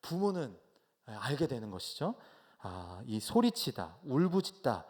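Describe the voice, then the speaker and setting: Guy pastor in his 30s giving a sermon in church, tells stories, gets loud then quiet. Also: mid-range voice, very animated, measured pace. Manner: storytelling with sudden loud bursts and soft asides. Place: church sanctuary.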